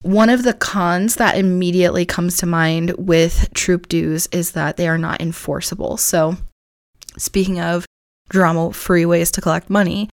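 A woman hosting her own podcast, slightly hoarse from losing her voice, explaining things in a chatty way with frequent "like" fillers. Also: on the low side, no room sound, clean studio sound. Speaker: podcast host. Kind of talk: casual solo podcast talk.

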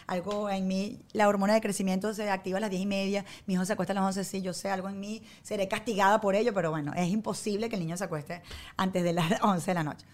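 A woman's voice: medium pitch, steady tone, fast. A woman guest chatting casually on a podcast, talking animatedly and laughing often. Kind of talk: casual chat.

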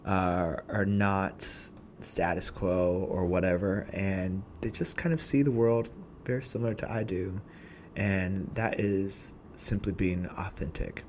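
A young man earnestly telling a personal story about growing up and joining a singing community, reflective and unhurried. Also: low voice, steady tone, a little hiss or hum. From Portland, USA. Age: young adult. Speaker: singer telling his story.

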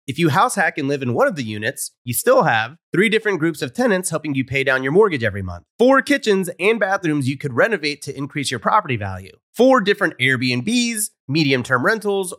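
Male promo announcer, higher-than-average pitch, lively intonation, scripted read.

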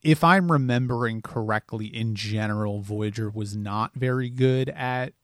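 A man's voice: fairly low pitch, a little slow, no room sound, clean studio sound. A man co-hosting a casual podcast, chatting plainly and reading out listener reviews. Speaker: podcast co-host.

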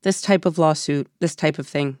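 A woman's voice: sits low, normal speed, darkish tone, dry recording, studio quality. A woman hosting a podcast, asking curious, probing interview questions. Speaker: podcast host.

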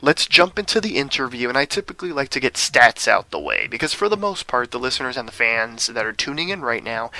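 A man's voice: mid-range voice, gravelly, sharp tone, no room sound. A man hosting a radio interview show in an upbeat, enthusiastic way. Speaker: host.

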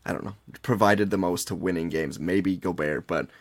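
Man, fairly low pitch, casual sports podcast chat, informal, conversational. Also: normal speed. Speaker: podcast co-host.

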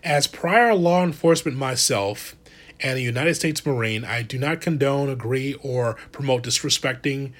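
A man in the middle of a casual wrestling rant, sarcastic and exasperated. His voice sits in a middle pitch, and he talks in an animated way. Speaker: wrestling commentator. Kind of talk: casual opinion monologue.

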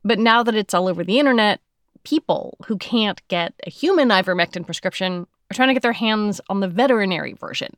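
A woman's voice: mid-range voice, fairly bright tone, no room sound, clean studio sound. A woman with an American accent hosting a podcast, moving between scripted narration and interview questions. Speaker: podcast host.

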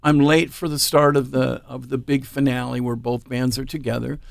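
Recorded with no room sound, a creaky mid-range voice speaks flatly at a normal pace. It's a blues musician from Oregon in the United States, casually recounting an anecdote in an interview and voicing the quoted dialogue in different voices.

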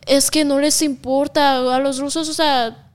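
Her high-pitched voice has a flat delivery and a measured pace. She is a young native Russian speaker from Russia, talking frankly as an interview guest in a casual chat and using many fillers.

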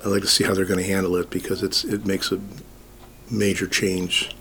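A man's voice: low-pitched, level tone, a little fast, bright, forceful tone. A man who is a county commissioner, speaking plainly in an interview clip.

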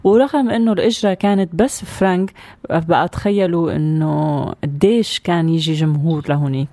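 A woman with a Syrian Arabic accent speaks in a fairly low register. She co-hosts casually, feeling her way through stories in a chatty manner. The sound is dry, with little room around her. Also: fairly quick, dark tone, no echo. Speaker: co-host of a show about Syrian towns. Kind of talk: casual conversational storytelling with co-host.

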